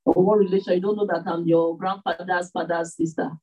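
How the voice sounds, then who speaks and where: A woman's voice: on the low side, flat delivery, a little fast, warm tone, husky, distant mic, lo-fi sound. A woman preaching a sermon, full of rhetorical questions and repeated phrases.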